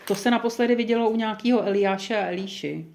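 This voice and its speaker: A woman's voice: mid-range voice, gravelly, a little mellow. A woman leading a small group Bible study, thinking aloud in a chatty way with many fillers and restarts.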